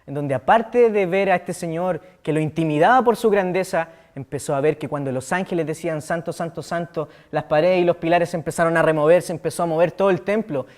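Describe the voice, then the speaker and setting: A young man with a Chilean accent preaches to a youth group in a high, light voice. He talks animatedly, switching between loud acted-out quotes and hushed asides. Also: fairly quick, hardly any pauses. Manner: animated, acts out quotes with sudden loud outbursts and quiet asides. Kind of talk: sermon.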